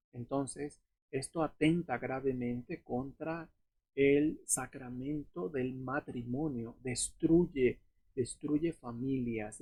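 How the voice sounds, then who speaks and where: Man teaching a Bible lesson, husky. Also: medium pitch, no echo. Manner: explanatory, frequent fillers and tag questions.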